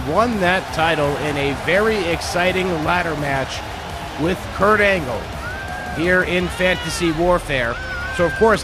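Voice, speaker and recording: A man gives play-by-play as host of a wrestling game show. His voice is fairly high and his delivery is chatty, improvised and excited, with music playing clearly behind him. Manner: chatty, self-deprecating, improvised.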